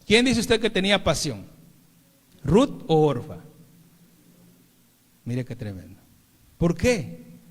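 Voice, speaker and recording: High-voiced man preaching in a reverberant hall. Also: huge pitch swings, slow pace, pauses often. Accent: Mexican Spanish. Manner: preaching with frequent "hermanos", swings between loud and soft. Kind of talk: sermon. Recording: long reverb of a church hall.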